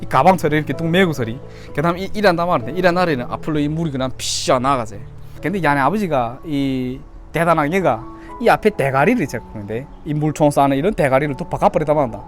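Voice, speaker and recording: Speaking fast in a fairly high, expressive voice, a Yanbian-accented Chinese-Korean YouTuber in his thirties shares memories of growing up. Soft music sits in the background as he chats casually to camera.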